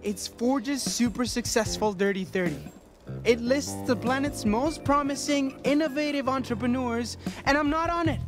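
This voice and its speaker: A jumpy, high-voiced young hustler. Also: male voice, moderate pace, music in the background. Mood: excitable. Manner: slangy, excitable.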